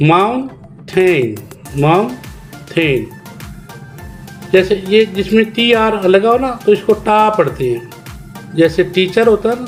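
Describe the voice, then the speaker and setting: A man teaching children a homework lesson, slowly dictating and repeating words syllable by syllable. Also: high voice.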